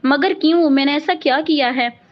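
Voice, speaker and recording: A woman reading the lines of a young bride who speaks softly and politely. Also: sits high, normal speed, lightly acted. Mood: distressed. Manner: soft, polite. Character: young bride, gentle but proud. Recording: dull lo-fi audio.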